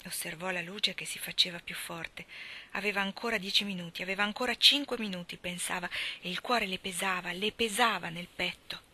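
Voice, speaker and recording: A woman reading a literary story aloud, measured and expressive, at times dropping to a whisper. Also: lowish voice. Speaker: reader of stories.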